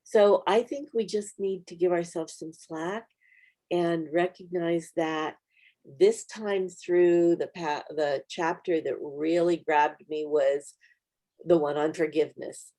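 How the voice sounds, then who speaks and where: With a lowish, mellow voice, a steady tone and a slow pace, a middle-aged woman gives group leaders practical tips. She is the Bible study's author and co-host, and her casual teaching is earnest and encouraging.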